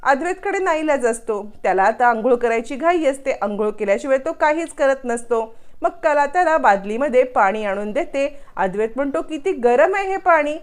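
High-voiced woman recapping a serial. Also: animated, moderate pace. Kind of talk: scripted TV serial recap narration.

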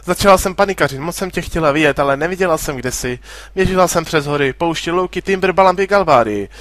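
A young woman in love, a gentle sorceress, speaks her heart plainly, as a man reads her part aloud in his own slightly high voice. The sound is close and dry. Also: no room sound, natural voice. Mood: wistful. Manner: plain reading of a translated game script.

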